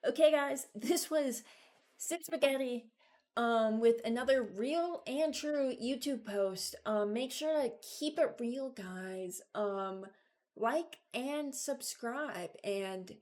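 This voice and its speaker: Her voice is on the high side, slow, with a darkish tone. She's a gaming video creator in her early twenties whose commentary is casual, unscripted, rambling, and spoken as she thinks.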